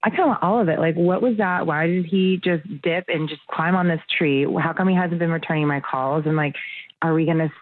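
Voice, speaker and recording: A woman's voice: low voice, fairly quick. A young woman calling in to a radio show, telling her story in a chatty, run-on way over the phone. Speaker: caller. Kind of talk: casual phone call storytelling. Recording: tinny phone line with faint noise.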